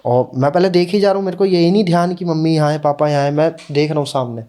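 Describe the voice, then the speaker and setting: A young man with a mellow, warm tone tells a personal story as a podcast guest. He talks casually and earnestly, and slows down to let the emotional moments land. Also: a little high.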